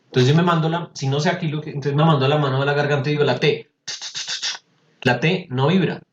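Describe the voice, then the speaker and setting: A man's voice: on the high side, steady tone, quick pace. A man teaches pronunciation over a video call, patient and chatty. He repeats words to drill them. His sound is roomy and slightly dull. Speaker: English teacher. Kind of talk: online class explaining pronunciation. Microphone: computer mic on a video call.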